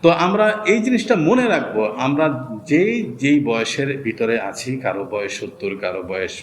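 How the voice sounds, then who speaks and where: A male teacher giving a slow, careful lesson on pronouncing Arabic letters, repeating each sound several times. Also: medium pitch, expressive, a little hiss or hum. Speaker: Quran reading teacher.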